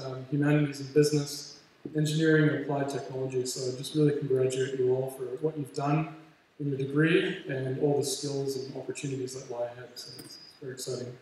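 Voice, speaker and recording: A Canadian man around forty, in his late thirties to early forties, gives an informal, self-effacing graduation speech with a personal story, speaking hesitantly in a mid-range, darkish voice. The motivational talk takes place in a large hall before a big audience, recorded distantly with heavy echo and faint noise.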